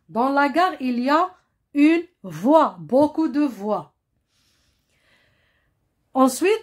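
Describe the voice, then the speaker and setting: Slow, patient woman teacher. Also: sits high. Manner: patient, repeats words, checks with "hein?" and "compris?". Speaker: primary school teacher. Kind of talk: slow classroom explanation.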